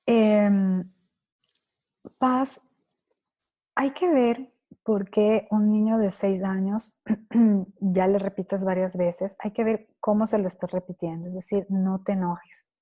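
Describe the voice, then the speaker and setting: A woman's voice: mid-range voice, slow, pauses often. A woman in her thirties answering parenting questions at a conference, chatting casually and acting out little dialogues with children. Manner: laughs easily, lively quoting. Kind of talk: conference Q&A talk.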